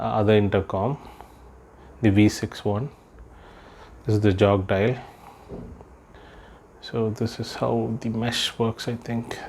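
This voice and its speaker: An Indian vlogger unboxes a product indoors in a room with a patterned floor rug, thinking aloud casually with lots of fillers as he handles it. His voice sits on the low side with a darkish tone, and there is a little hiss or hum.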